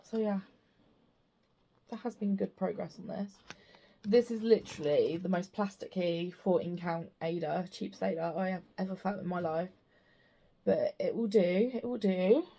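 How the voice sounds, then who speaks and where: A woman's voice: on the low side, normal speed, dark tone. A British woman chatting casually to camera in a rambling, self-interrupting way, with slightly slurred speech from a missing front tooth. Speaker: stitching vlogger. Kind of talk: casual chat to camera about craft projects.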